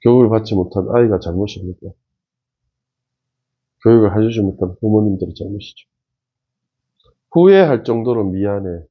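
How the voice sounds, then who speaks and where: A man's voice: lowish voice, expressive, moderate pace, pauses often, slightly rough, dull audio. A man giving casual commentary on a TV show, emphatic and talking straight to viewers. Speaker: face-reading commentator.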